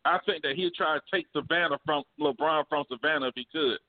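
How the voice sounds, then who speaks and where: High pitched guy riffing on sports, laughing a lot, tinny phone sound. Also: fairly even intonation, fast talker. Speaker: podcast co-host. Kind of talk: casual sports debate. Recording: phone-like narrow band.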